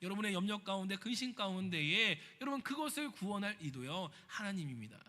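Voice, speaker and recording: Animated high-voiced male pastor preaching. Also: brisk, long reverb tail. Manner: lively preaching, acting out quoted voices and asking the congregation questions. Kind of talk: sermon. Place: church sanctuary.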